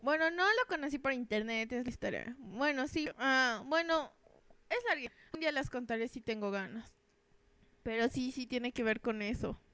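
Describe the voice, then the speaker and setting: A woman's voice: high-pitched, moderate pace, sharp tone, smooth, no echo. A young woman, joking and rambling in a self-mocking, crude way while commenting on a game. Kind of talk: casual gameplay commentary.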